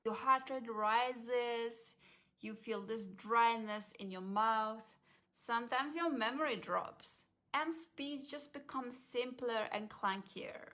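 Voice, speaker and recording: A language confidence coach speaks calmly and in a measured way, her voice slightly higher than average. She works through each point as if delivering a scripted explainer.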